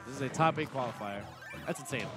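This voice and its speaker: A man's voice: medium pitch, fast talker. A man giving live esports commentary, breaking down plays analytically with jokey asides. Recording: music playing behind.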